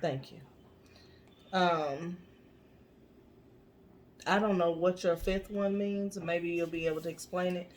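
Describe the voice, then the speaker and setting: A woman's voice: on the low side, fairly even intonation, slow, pauses often, slight background noise. A woman in her late thirties co-hosting a podcast in casual chat, matter-of-fact and teasing. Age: late 30s. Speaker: podcast co-host.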